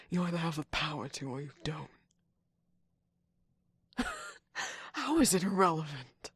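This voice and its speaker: Woman doing a sly mocking cookie trickster guy, low breathy whisper, slow and close. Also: big pitch swings, no echo, heavily acted. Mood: taunting. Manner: taunting, sly, laughs often. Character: scheming male cookie trickster, mocking, manipulative. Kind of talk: ASMR roleplay.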